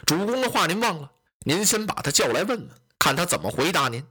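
A gentle, careful adviser who soothes and reasons in a lowered, soft voice, put on by a storyteller. The tone is husky and bright at once. It sounds like an old tale told aloud. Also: male voice, very animated, quick pace, heavily acted. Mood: placating.

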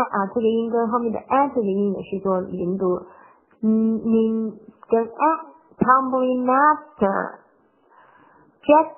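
A woman's voice: mid-range voice, breathy edge. A woman teaching English pronunciation, patiently repeating single words and sounds. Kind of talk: explaining pronunciation of a nursery rhyme. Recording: tinny phone-like sound.

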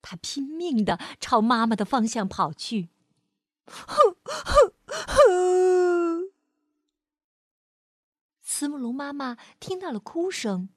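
A woman storyteller narrating a bedtime story for children, speaking gently and expressively and calling the listener "baby". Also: a little high, big pitch swings, moderate pace, few pauses, no room sound, clean studio sound.

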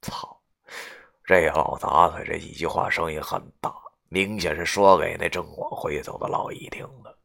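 Deep gravelly male storyteller. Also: steady tone, moderate pace, fairly bright tone. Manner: gruff, coarse, swearing storyteller. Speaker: audiobook narrator. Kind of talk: first-person novel narration.

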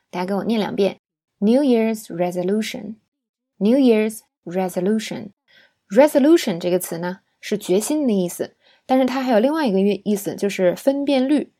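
A woman teaching an English lesson, breaking words down syllable by syllable and often checking in with her listeners through a quick tag question. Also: medium pitch, mellow. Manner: patient, explains pronunciation syllable by syllable. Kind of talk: spoken language lesson.

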